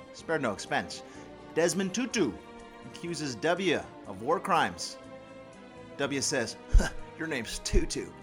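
A man's voice: high-pitched, a bit bright. A man hosting a comedy podcast in a jokey, casual radio style, full of wisecracks.

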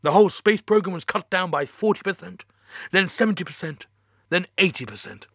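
A man voicing a nervous, flustered male space-program chief who babbles and repeats himself in a high, strained voice. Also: big pitch swings, normal speed, vocal fry, a bit bright, no room sound, studio quality, heavily acted. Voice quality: high strained voice, forced cheer.

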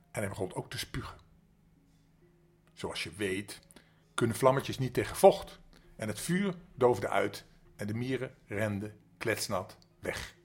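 Husky grandfather reading bedtime stories. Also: fairly low pitch. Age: older. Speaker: grandfather storyteller.

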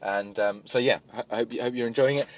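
A man co-hosting a community radio show in casual, laid-back banter, dry and full of pauses. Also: medium pitch, steady tone, no room sound.

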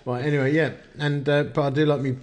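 A fast-talking man with a slightly high voice and a level tone hosts a casual podcast in a blokey, bantering way. He's from Essex, England, and has the accent to match. He's recording in an echoey open-plan kitchen lounge at home.

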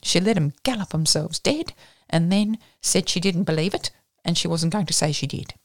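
An Australian woman voicing a flippant upper-class English gentleman detective, talking in a breezy, rapid, self-mocking way. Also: on the low side, no echo, clean studio sound. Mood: brisk.

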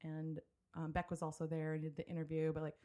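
A woman's voice: low voice, monotone, fast talker, mellow. A woman hosting a casual podcast from a home studio, chatting loosely with many fillers and restarts. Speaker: podcast host. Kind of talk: casual chat. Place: home studio, drinking with a guest.

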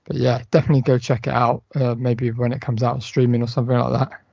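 A man's voice: medium pitch, level tone, fast talker, gravelly, a little mellow, slightly rough, dry recording, muffled recording. A man co-hosting a horror film podcast, rambling casually with lots of fillers and the odd swear. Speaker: podcast co-host. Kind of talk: casual chat.

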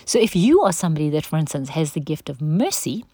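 An earnest woman teaches on spiritual gifts in an easy, conversational way, slipping into little acted-out prayers and requests. Her voice sits a little low for a woman. The sound is close and dry, with almost no room around it. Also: fast, slightly rough, dry recording. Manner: earnest, animated, acts out her own prayers and other people's requests.

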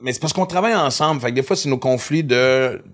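A man's voice: medium pitch, quick pace. A man in his fifties with a Quebec French accent, a comedian chatting casually on a podcast and acting out the lines he quotes. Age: 50s. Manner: animated storyteller, acts out quoted lines. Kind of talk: casual chat.

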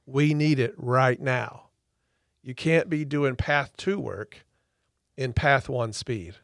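A man's voice: medium pitch, slow, gravelly, fairly bright tone, dry recording. A man with a mid-range voice teaches therapy technique with conviction, repeating words to drive points home. His voice sounds dry and close, with no room around it. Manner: emphatic, repeats words for stress. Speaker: podcast co-host, therapist trainer. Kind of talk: teaching explanation.

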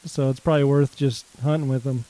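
A man's voice: mid-range voice, level tone, brisk, mellow, dry recording, poor audio. A man in casual chat about hunting, rambling with many restarts and calling his friend dude. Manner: rambling, lots of fillers and restarts, says dude.

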